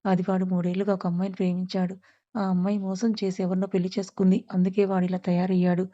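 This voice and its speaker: A woman's voice: on the low side, completely flat delivery, quick pace, mellow, highs cut off, natural voice. A woman voicing a kind, motherly mother-in-law who speaks in a soothing, reassuring way.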